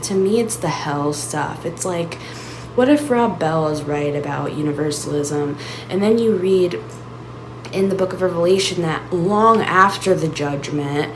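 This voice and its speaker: An American woman with a lowish voice hosts her own channel, thinking aloud in a searching, reflective solo monologue packed with restarts and "like"s. The recording is rough, with audible background noise.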